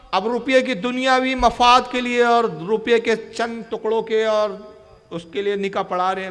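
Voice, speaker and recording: Guy giving a fired-up sermon, high sharp voice, big echoey hall. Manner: emphatic, challenging delivery. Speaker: preacher.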